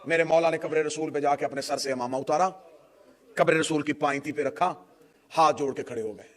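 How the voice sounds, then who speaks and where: A man from Pakistan with a Pakistani Urdu accent, giving a mourning sermon in an impassioned style that rises into a tearful, chanting wail. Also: on the high side. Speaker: preacher.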